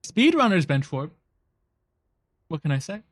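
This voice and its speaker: A man's voice: on the high side, big pitch swings, a little slow, a bit bright, dry recording, clean studio sound. A man streaming a game, chatting casually to himself, laughing often and repeating words when frustrated. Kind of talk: casual live gameplay commentary.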